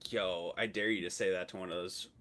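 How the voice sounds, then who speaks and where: Teasing his guest and joking around, this man hosts a live trading stream in a relaxed interview style. His voice sits low yet has a fairly bright tone, delivered steadily and briskly.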